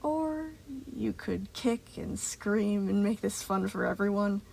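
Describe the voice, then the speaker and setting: Reading a story, a woman plays a deranged, patronizing moon-faced male robot, sneering in a slow, crackly near-whisper with restrained intensity. Her mid-range voice is animated, creaky, and a little mellow, sounding menacing and annoyed.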